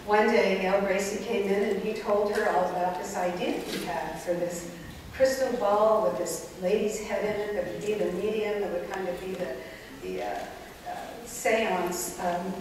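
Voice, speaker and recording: A woman's voice: mid-range voice, unhurried. Woman telling stories in an echoey hall. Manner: chatty, animated, with many fillers. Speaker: panel speaker. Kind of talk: storytelling to a live audience. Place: large indoor event hall. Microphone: far camera. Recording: echoey hall from far off, noisy.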